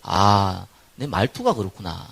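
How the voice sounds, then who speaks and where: A male pastor with a Gyeongsang accent, preaching a sermon and acting out the people in his stories, his voice rising loud for stress and dropping to quiet asides. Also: on the low side, big pitch swings, unhurried, vocal fry, slightly rough. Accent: Gyeongsang Korean.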